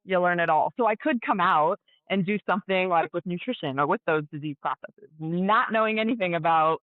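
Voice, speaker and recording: A woman's voice: on the low side, fairly quick, no room sound. Chatty woman on a tinny call line. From Colorado, USA. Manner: animated, chatty storyteller with many "like" fillers. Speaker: guest, ER nurse and pro athlete. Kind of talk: casual storytelling interview. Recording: tinny phone-like dry audio.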